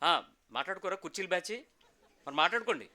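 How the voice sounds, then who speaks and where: Pastor, male, high-pitched, piercing tone; emphatic preaching with rhetorical questions. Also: lively intonation, fast, pushed and bright. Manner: emphatic, call-and-response with the congregation. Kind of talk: sermon.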